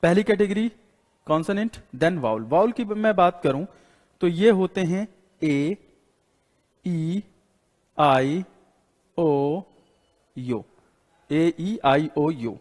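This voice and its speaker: A man's voice: on the high side, expressive, very slow, pauses often, a little mellow. A man with an Indian accent teaching an English lesson, repeating rules and quizzing students as he writes on the board. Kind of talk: classroom lecture in Hindi. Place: classroom with a board. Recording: long hall reverb.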